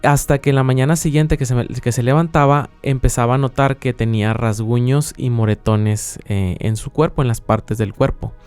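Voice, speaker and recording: Smooth-voiced man telling stories. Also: medium pitch, steady tone, moderate pace, few pauses, a little mellow, no echo, faint music behind. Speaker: podcast co-host. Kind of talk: casual paranormal storytelling.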